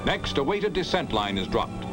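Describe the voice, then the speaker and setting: A man reads out a 1950s newsreel in that classic announcing manner, his voice sitting a little high. Loud orchestral music swells beneath every line. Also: big pitch swings, moderate pace. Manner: old newsreel narration, announcing over footage. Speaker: newsreel narrator.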